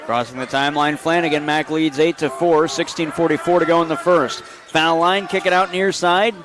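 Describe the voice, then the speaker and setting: A man giving brisk basketball play-by-play commentary in short bursts, calling each play as it happens. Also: on the high side, fairly even intonation, noisy background. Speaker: play-by-play announcer.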